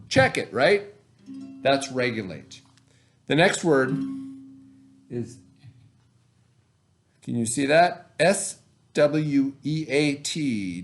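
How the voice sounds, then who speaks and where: An elementary school teacher with a fairly high-pitched voice reads aloud to young children, explaining vocabulary step by step. He spells and sounds out words instructively, checking in with "right?" as he goes.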